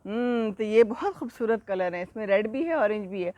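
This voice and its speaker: A woman telling a story to young children, animated and full of questions to her listeners, speaking outdoors under a tree. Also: medium pitch, no room sound, lo-fi sound.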